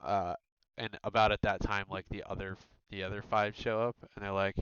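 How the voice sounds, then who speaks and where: A man runs a tabletop game, narrating in a smooth, resonant, low voice with loose, rambling fillers. The mic is dry and close but dull and lo-fi. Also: flat delivery, fairly quick, a bit bright, dry recording. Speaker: game master.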